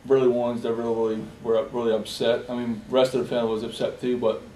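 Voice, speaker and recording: The recording is distant and echoey, with a faint hiss, as a young man from Bosnia answers interview questions about himself. His delivery is flat, mellow and low-key, broken up by frequent fillers, pauses and restarted sentences.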